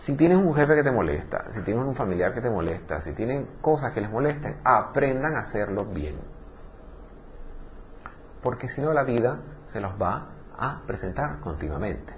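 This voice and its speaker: A man teaching a spiritual lecture in an animated way. He keeps throwing rhetorical questions at his listeners and sometimes acts out other voices. The recording is slightly dull, with a faint hiss behind it. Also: medium pitch, normal speed.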